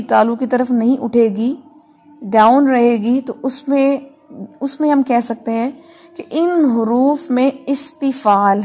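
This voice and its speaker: Woman, Tajweed teacher, slow and patient, repeats sounds for the class, slightly high pitch. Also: darkish tone. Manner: slow, patient, drills letters aloud with frequent check-ins. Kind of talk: online Quran recitation class.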